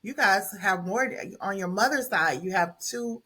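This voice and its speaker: A woman's voice: medium pitch, lively intonation, a little slow, bright, forceful tone, slightly rough. A middle-aged woman hosting a podcast, talking casually with her nieces, with many fillers and restarts. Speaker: podcast host. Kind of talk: casual family conversation.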